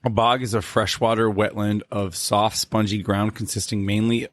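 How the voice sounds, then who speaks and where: A young man with a lowish voice banters on a podcast, reacting excitably and joking around with plenty of swearing. He talks loosely, throwing in "dude" and "bro.". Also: moderate pace. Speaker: podcast co-host. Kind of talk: casual chat.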